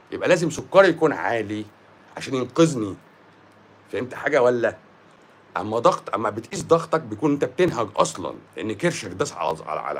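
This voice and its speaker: A man's voice: fairly low pitch, slight background noise. A man with an Egyptian accent, a doctor giving a blunt, scolding monologue on a live stream and mixing English words into his speech.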